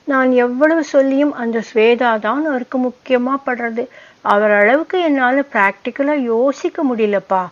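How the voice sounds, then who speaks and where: A tearful young wife pours out her hurt to her father, as a woman narrator voices her. She pleads between sobs, her voice soft and fairly high. It is a spoken storybook reading. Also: muffled recording, close to an everyday voice. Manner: sobbing, pleading.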